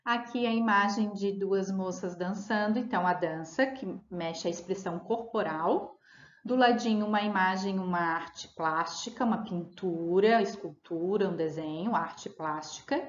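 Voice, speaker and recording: A woman teaching a remote lesson, explaining patiently and repeating key words with fillers. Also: medium pitch. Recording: roomy, dull lo-fi audio.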